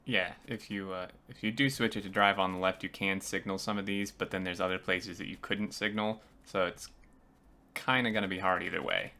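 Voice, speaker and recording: A man with a low but bright and forceful voice hosts a laid-back game design review. He chats loosely, often pausing on filler sounds as he walks through each build. His pitch sits on the low side. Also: gravelly. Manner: relaxed, many uh fillers. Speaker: host. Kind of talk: casual gameplay review chat.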